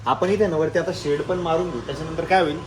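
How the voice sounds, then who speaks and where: Fast-talking man. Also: on the high side, roomy sound, a crowd in the background, rough recording. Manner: fast, joking, bossy big-brother tone. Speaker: vlogger. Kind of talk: casual family vlog chat.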